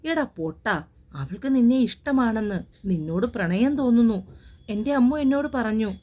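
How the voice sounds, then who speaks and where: A woman voicing a teasing, loyal young male best friend in an audio story, read in a mellow tone. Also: extremely high pitch, animated, normal speed. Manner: playful, teasing.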